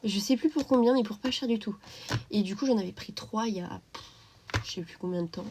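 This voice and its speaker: A woman's voice: medium pitch, brisk, a little mellow, a little hiss or hum. A young woman hosting a casual live stream from home, talking through a stuffy nose and sniffling from a cold, chatty and greeting viewers by name. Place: at home while colouring.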